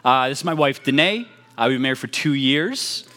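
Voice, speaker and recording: A man's voice: medium pitch, animated, fairly quick, pushed and bright. A young man, a youth pastor, opening a sermon with a chatty, self-mocking story full of fillers.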